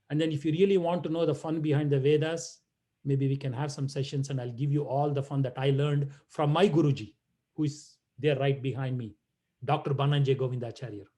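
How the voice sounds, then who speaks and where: A man's voice: on the high side, darkish tone. A man giving a playful talk to children over a video call, teasing and chanting verses. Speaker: guest speaker.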